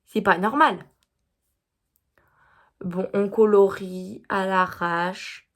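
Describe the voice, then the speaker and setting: Extremely slow and fairly even in intonation, a young woman with a medium-pitched voice films a casual makeup vlog. She's chatty and self-mocking, tripping over her words with lots of fillers and apologies.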